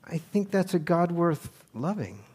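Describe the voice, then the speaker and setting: A man's voice: a little high, expressive, moderate pace, a little mellow. A man preaching a sermon earnestly, now and then pressing a point with emphasis. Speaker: pastor.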